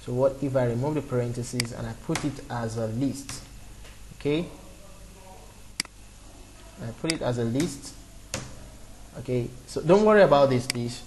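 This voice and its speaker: In this screen-recorded coding lesson for beginners, a twenty-something male tutor improvises his way through each step, restarting and using fillers. His medium-pitched voice has vocal fry and a darkish tone. The audio is poor, with slight background noise.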